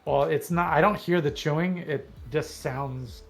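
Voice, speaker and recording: A man's voice: a little high, measured pace, creaky, soft background music. A man on a gaming livestream's voice chat, talkatively explaining game mechanics step by step in casual chat. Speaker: guest co-player on a livestream.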